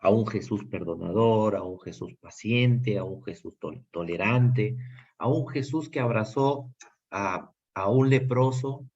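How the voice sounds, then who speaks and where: A man's voice: fairly low pitch, measured pace, gravelly, darkish tone, husky. A man with a Peruvian Spanish accent teaching a Bible class, earnest and full of fillers and restarts. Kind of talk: Bible study lesson. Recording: dull lo-fi sound.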